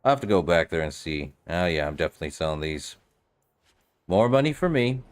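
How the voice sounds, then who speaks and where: Casting: male let's-play streamer, low register, offhand self-directed commentary. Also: very animated, fairly quick. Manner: offhand, muttering reactions to self. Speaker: game streamer.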